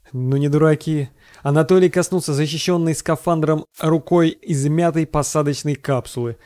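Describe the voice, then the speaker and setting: A man narrating a science fiction audiobook in a steady, scripted reading. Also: a little high.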